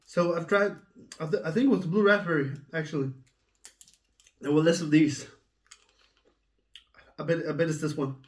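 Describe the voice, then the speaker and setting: A man's voice: a little high, steady tone, moderate pace, pauses often, recorded from a distance. A man talking casually to viewers in a taste-test vlog while eating sour candy, reacting with exclamations. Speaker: video host doing a taste test.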